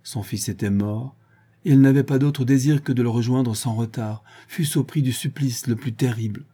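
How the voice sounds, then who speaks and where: A male audiobook narrator with a very dark, mellow tone and a husky grain. He reads in a measured, dramatic way. His pitch sits at an ordinary middle. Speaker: audiobook reader. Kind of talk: scripted narration.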